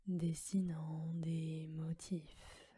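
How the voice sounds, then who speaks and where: A woman whispering a guided relaxation meditation in a soft, calm voice. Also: low-pitched, very slow, slightly rough, no echo.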